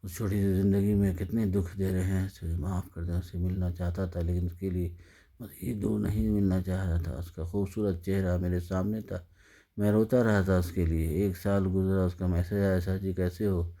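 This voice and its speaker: A man's voice: deep voice, steady tone, mellow. A man narrating a sad story in a somber, sorrowful way.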